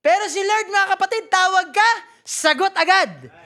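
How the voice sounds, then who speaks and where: A Filipino-accented woman preaching a lively, joking sermon and reading English scripture. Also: extremely high pitch, normal speed.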